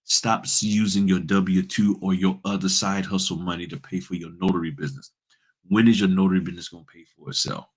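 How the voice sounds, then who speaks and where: Brief: a man with a very low-pitched voice, host of a notary channel, delivering a casual, preachy monologue with teasing rhetorical questions. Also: fairly even intonation, a little fast, husky.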